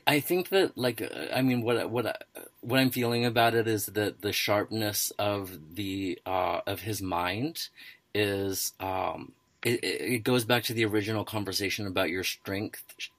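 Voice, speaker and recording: Deep-voiced man musing with many fillers. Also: a bit bright, no room sound. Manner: hesitant, thinks aloud with many fillers. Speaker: podcast host. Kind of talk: casual study discussion.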